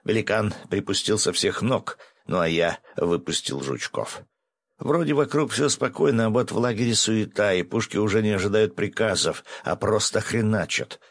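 A man narrating a first-person adventure audiobook, brisk with coarse asides. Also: fairly low pitch, no echo.

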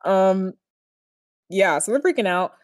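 A woman's voice: medium pitch, expressive, measured pace, dry recording, clean studio sound. A young woman co-hosting a podcast, chatting casually and playfully about a cartoon episode, laughing often and acting out quotes. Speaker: podcast co-host.

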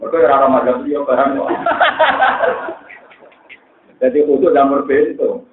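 A man with a Central Javanese accent preaching a religious lecture, telling stories in a lively way that mixes jokes and pleading. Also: mid-range voice, a little fast, slight background noise. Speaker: Islamic preacher. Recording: echoey, tinny lo-fi recording.

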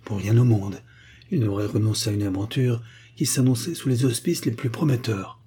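Male narrator, husky and warm-toned, audiobook reading of a pulp adventure. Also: mid-range voice, fairly even intonation, normal speed. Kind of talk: first-person novel narration.

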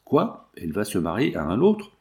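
A jilted young man, sulky and vexed, read by a man narrating a novel. He grumbles in a fairly low voice, nursing his wounded pride. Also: huge pitch swings, moderate pace, warm tone. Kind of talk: audiobook reading.

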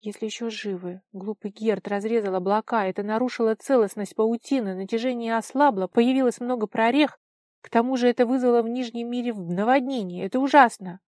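A woman's voice: a little high, brisk, darkish tone, no echo, studio quality, close to an everyday voice. A woman reader voicing an anxious, commanding young celestial woman, urgent and imperious in speech.

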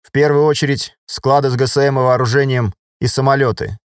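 A male audiobook reader voicing a confident young lieutenant who talks briskly and wryly. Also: mid-range voice, steady tone, smooth, no room sound, studio quality, pitched above the performer's own voice, close to an everyday voice. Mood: commanding. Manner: brisk, commanding, wry.

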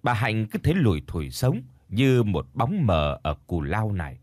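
Male ghost-story narrator, lively intonation, dry close sound, unhurried. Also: lowish voice, no echo.

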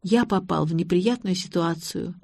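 A woman reading an audiobook voices a loud, pushy man who yells and whines. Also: lowish voice, normal speed, vocal fry, no room sound, clean studio sound. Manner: yelling, whining.

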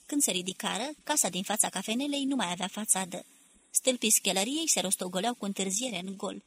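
A woman narrating a novel in a steady, measured audiobook reading. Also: medium pitch, a little hiss or hum. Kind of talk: scripted literary narration.

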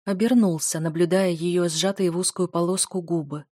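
A woman's voice: fairly low pitch, fairly even intonation, normal speed, darkish tone, no room sound, studio quality. A woman reading a novel aloud as an audiobook narrator, telling a young man's story in the first person and voicing the dialogue.

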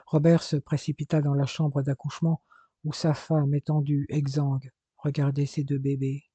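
A man reading a dramatic novel aloud in measured, scripted narration. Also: a little high, monotone, warm tone, slightly rough, no room sound. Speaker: audiobook narrator. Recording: dull, dry lo-fi recording.

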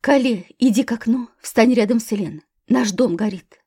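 Desperate young mother, urgent and commanding, read by a woman narrator, husky, higher voice. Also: normal speed, warm tone. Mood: frantic. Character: terrified young mother in a house fire.

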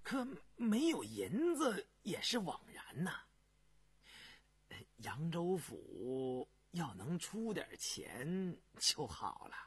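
A man's voice: fairly high pitch, huge pitch swings, takes it slowly, husky, no echo, full character voice. A man doing a fawning, stammering old-court official. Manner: obsequious, stammering when flustered. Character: fawning, nervous imperial grain official, man.

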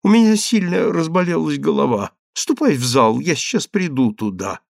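A tearful young baroness pleads to be left alone, her patience wearing thin, as a male reader puts her on. The voice sits higher, swings widely in pitch and has a gravelly edge. It is dry, with no room sound. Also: expressive, normal speed, dry recording. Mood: pleading. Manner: pleading, then shrill and exasperated.

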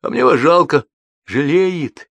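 A man voicing a gawking crowd of townsfolk, calling out loudly and excitedly. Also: a little high, slow pace, vocal fry, no room sound, voice pushed up, heavily acted. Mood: murmuring.

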